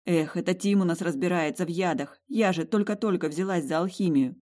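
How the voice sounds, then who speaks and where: Woman narrating a fantasy audiobook, expressive, lots of feeling. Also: lowish voice, a little fast. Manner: emotive, expressive.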